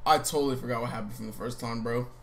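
A man in his twenties with a slightly rough voice, doing brash, slangy, profane gameplay commentary. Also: medium pitch, fast talker, a little hiss or hum. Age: 20s. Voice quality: slightly rough voice from a day of yelling. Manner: brash, profane, animated hype talk. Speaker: game streamer. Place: bedroom streaming setup.

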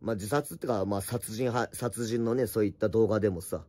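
Wrapped in an electric blanket at home, a middle-aged man hosts a relaxed late-night livestream, going through viewer comments and firing back blunt replies full of teasing, rough remarks. His slightly hoarse voice sits fairly low with a darkish tone, his pace is fairly quick, and the recording is dry.

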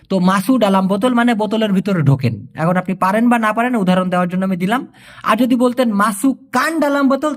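A man with a fairly high, lively voice that rises and falls a lot. He teaches in a casual video lesson, repeating each phrase and checking that the listener has understood. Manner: explains each word slowly, repeats phrases and asks if it is clear; jokes with the viewer. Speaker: language teacher.

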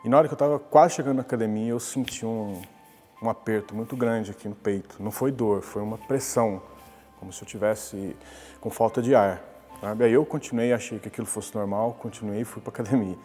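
A brisk, dark, lowish male voice, a man in his forties, shares a personal story in conversational interview style with many restarts. Soft background music plays, and the indoor glass-walled lobby gives the sound of a large hall.

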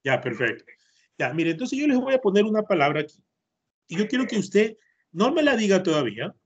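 Teaching English online to children, a man with an Ecuadorian Spanish accent patiently repeats words to drill their pronunciation. His high-pitched voice is very animated, brisk, and slightly rough. Heard via a computer mic on a video call, the audio is muffled and lo-fi.

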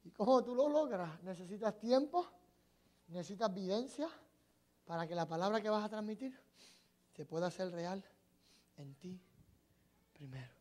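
A middle-aged man preaching in Spanish, telling a personal story that rises to shouted, tearful peaks and falls to quiet teaching. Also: high-pitched. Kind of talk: impassioned sermon testimony.

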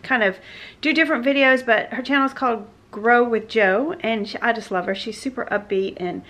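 A woman's voice: on the high side, normal speed, fairly bright tone. A woman, chatting casually and rambling through a day-in-the-life vlog at home. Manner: chatty, rambling, with many fillers and restarts. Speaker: vlogger.

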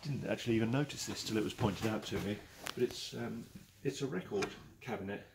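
A gravelly-voiced English auctioneer in his forties, pitched on the low side and brisk, chats enthusiastically and chuckles often on a tour of a large, cluttered indoor auction saleroom. His casual walk-through commentary is recorded by a handheld camera following him through the noisy room.

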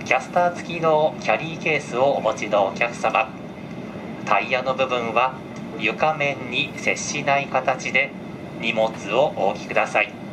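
Inside a train car, a camera catches the cabin loudspeaker as a male conductor speaks in a measured, middle-pitched voice. His phrasing is formal and highly courteous, announcement-style, and ventilation and vehicle noise are plainly audible behind it.

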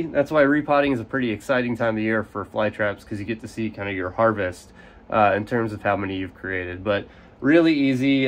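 On the low side in pitch, this young man sounds a bit nasal from a cold as he gives an easygoing how-to explainer recorded outdoors. A carnivorous plant grower, he does a hands-on gardening demonstration in sunlight at a potting table, relaxed, explanatory, and casual with fillers, filmed from an overhead camera while off frame.

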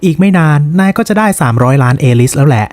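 Man doing a mocking masked demon merchant, raised, slow and scolding. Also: fairly high pitch, lively intonation, a little mellow, dry recording, close to an everyday voice. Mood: bossy.

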